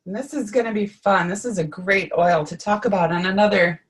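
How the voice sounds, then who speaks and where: A woman's voice: medium pitch, brisk, slight background noise. A woman co-hosting a live webinar, explaining things in a friendly, casual way with frequent ums. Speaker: webinar co-host. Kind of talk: casual presenting.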